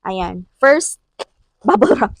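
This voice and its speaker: A woman's voice: medium pitch, sing-song, slow pace, no echo. A woman from the Philippines chatting casually to her viewers in an unboxing vlog, laughing often and calling them sis. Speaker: vlogger.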